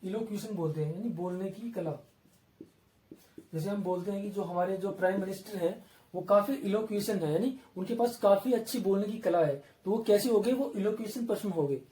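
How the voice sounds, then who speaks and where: A man's voice: sits high, fairly quick, warm tone. A man with an Indian English accent teaching an exam-prep vocabulary lesson, repeating terms and asking and answering his own questions. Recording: roomy, from a distance.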